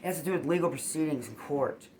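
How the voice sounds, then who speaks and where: A tarot reader and astrologer giving a casual, animated reading that rambles and gets emotional, dropping "boom" and "okay?" along the way. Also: fast talker, slight background noise.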